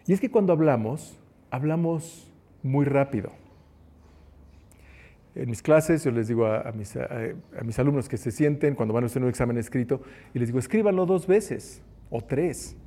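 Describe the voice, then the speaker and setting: A man's voice: medium pitch, animated, moderate pace, dark tone. A man preaching a conversational sermon who acts out the quotes he tells. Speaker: preacher and teacher.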